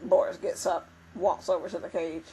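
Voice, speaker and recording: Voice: mid-range voice, flat delivery, normal speed, mellow, slightly rough, poor audio. A roleplay game master narrating events in a plain, matter-of-fact way. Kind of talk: narrating a tabletop-style roleplay.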